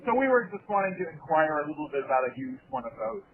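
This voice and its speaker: High-voiced man calling on speakerphone. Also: big pitch swings, fast talker. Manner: chatty, friendly, restarts his sentences. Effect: on speakerphone over a phone line. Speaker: caller asking about a used camper. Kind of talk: casual phone inquiry. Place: driving in a vehicle. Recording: tinny phone line with crowd noise.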